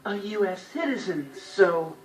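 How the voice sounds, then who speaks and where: Brief: an eager teen time traveler, breezy and persuasive, lively pitch, echoey distant game audio. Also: male voice, measured pace.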